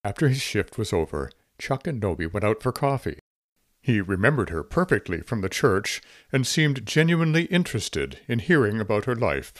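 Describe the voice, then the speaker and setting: A man narrating a novel as an audiobook in a wry, expressive way. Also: mid-range voice, dry recording, studio quality.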